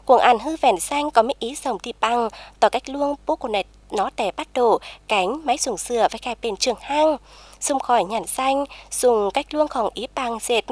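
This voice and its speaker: A woman narrates a news report in a formal, even way. Her voice sits fairly high and has a soft, breathy grain. The recording is dry, with almost no room sound. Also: no echo.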